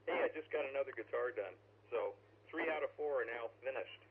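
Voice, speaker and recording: A man hosts an amateur radio net in the manner of a homespun pirate radio broadcast. He is chatty and folksy, with a medium-pitched voice. The transmission is very narrow and tinny, with a faint noise under it. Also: brisk. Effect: two-way radio transmission.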